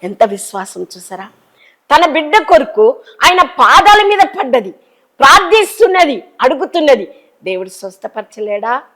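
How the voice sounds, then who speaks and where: Impassioned woman preaching a sermon. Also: poor audio. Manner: impassioned, swings between loud cries and soft low asides.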